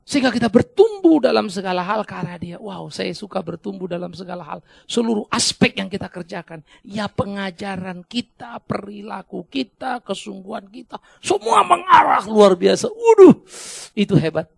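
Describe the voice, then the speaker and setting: A male pastor giving a sermon in a conversational, animated way, with humor. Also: sits high, moderate pace, gravelly, hardly any pauses, husky.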